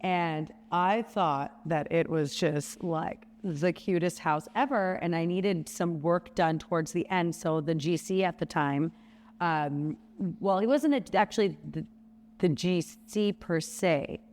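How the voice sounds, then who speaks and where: A woman's voice: fairly low pitch, a little slow. Female host, chatty storyteller who plays out quotes; reverberant room, faint hum behind. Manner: animated storyteller, acts out quotes. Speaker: podcast host. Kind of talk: casual storytelling chat.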